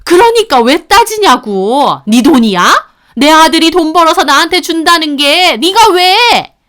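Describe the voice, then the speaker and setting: A woman's voice: very high voice, sing-song, measured pace, fairly bright tone, voice pushed up, heavily acted. A woman voicing a furious, bullying older mother-in-law who screams and scolds. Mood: screaming.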